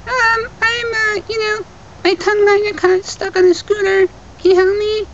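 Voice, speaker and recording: A woman voicing a squeaky, whiny little toy creature in a homemade plush show. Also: flat delivery, normal speed, a bit bright, dull audio, slight background noise. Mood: pleading. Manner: high squeaky put-on voice, pleading.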